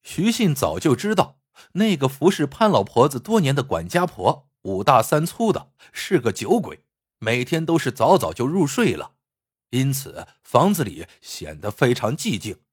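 A man narrating a suspenseful story with lively, dramatic telling. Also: medium pitch, normal speed, slightly rough, dry recording, studio quality.

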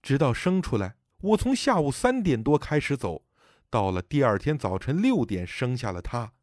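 A man voicing the grieving spirit of a dead elderly mother, speaking softly and sorrowfully. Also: medium pitch, sing-song, normal speed, no echo, clean studio sound, close to an everyday voice. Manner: soft, sorrowful pleading.

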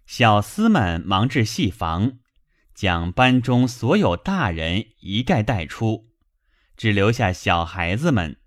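A man reading a classic novel aloud, in a measured, expressive way. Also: on the low side, no room sound, clean studio sound. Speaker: audiobook reader.

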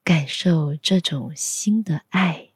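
A woman leads a guided meditation in a soothing whisper. Her voice is very breathy and low, and she speaks extremely slowly. The delivery is soft and instructional, like a spa relaxation track. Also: no echo.

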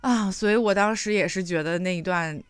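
A woman's voice: medium pitch, a little fast, clean tone, no room sound. A woman co-hosting a podcast, talking in a chatty, reflective way with many fillers. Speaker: podcast co-host. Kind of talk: casual chat.

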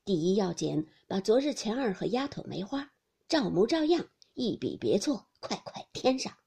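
A woman's voice: medium pitch, sing-song, normal speed, vocal fry, mellow, husky, exaggerated voice. A woman reading a storybook aloud, voicing an elderly matriarch who gives firm instructions. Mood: insistent. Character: elderly grandmother, commanding matriarch.

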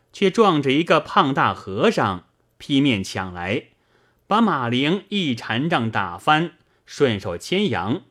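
A male audiobook reader narrating a classic novel in a measured storytelling manner. His pace is unhurried, and his pitch moves in a lively way through the lists of names and battle scenes.

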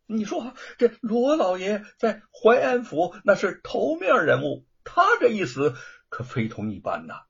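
A flustered, timid middle-aged prefect, voiced by a storyteller, stammering out startled cries in a high, lively, raspy voice. The sound is dull and lo-fi. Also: male voice, slow pace, heavily acted.

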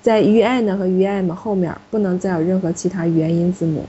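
This French lesson comes from a woman whose voice is lowish, steady and warm, moving a little fast. She walks the class through step by step and corrects them patiently, recorded muffled with some classroom noise.

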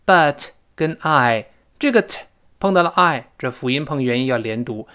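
Lively man teaching sounds. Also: medium pitch, clear, resonant tone. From China. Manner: explains step by step, models English phrases slowly and repeats them. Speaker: English pronunciation teacher. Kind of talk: lecture-style language lesson.

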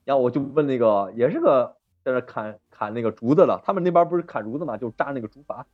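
A man's voice: mid-range voice, fast, no room sound, highs cut off. A man hosting a casual podcast chat, telling stories animatedly and acting out the people in them. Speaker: podcast host.

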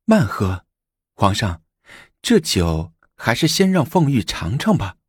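A man's voice: medium pitch, wildly swooping pitch, takes it slowly, breathy edge, no echo, clean studio sound, exaggerated voice. A male storyteller voicing a scheming young empress, speaking in a coaxing yet commanding way in a storybook reading.

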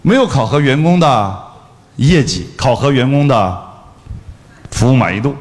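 A middle-aged man giving a lively business lecture, telling anecdotes bluntly and acting out the dialogue. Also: medium pitch, moderate pace. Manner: animated storyteller acting out dialogue; blunt colloquial speech. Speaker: business trainer. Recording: long hall reverb.

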